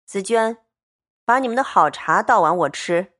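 A woman voicing a playful, doting young nobleman in a storytelling reading, teasing and quick to plead. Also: mid-range voice, expressive, a bit bright, lightly acted.

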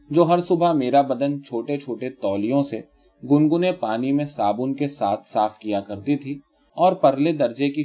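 A man narrates a literary story in a calm, measured way, his voice mellow and warm. The recording is slightly dull, as if muffled. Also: medium pitch.

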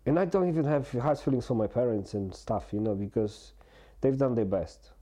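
Guest in his 40s, mellow voice, halting and candid, lots of restarts. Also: mid-range voice. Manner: halting, full of restarts and fillers; earnest and open. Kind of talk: candid personal conversation.

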